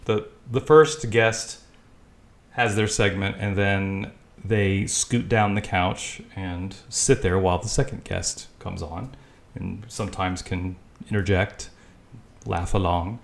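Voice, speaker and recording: A man's voice: sits low, steady tone, slow pace, gravelly. A man from Staten Island giving sarcastic, chuckling voice-over commentary on an old talk show clip, with the odd profanity. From Staten Island, New York. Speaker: video commentator.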